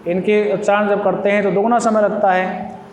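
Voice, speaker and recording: A man teaching a school lesson, speaking slowly and repeating phrases as if dictating notes. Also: sits high, flat delivery. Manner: slow, repetitive dictation pace. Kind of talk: classroom lesson. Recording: echoey classroom with long reverb, faint noise.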